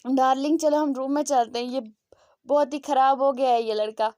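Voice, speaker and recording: Gruff old grandpa, jealous and scolding, read by a woman, high voice. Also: steady tone, normal speed, mellow, dry recording, studio quality, natural voice.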